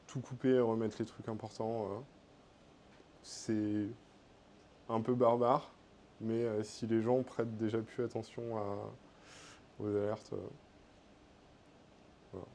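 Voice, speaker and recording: A French man speaks at a tech meetup in a casual, filler-heavy way. His voice is mellow and relaxed. Faint noise hums in the room behind him. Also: on the low side, slow, long pauses. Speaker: conference speaker.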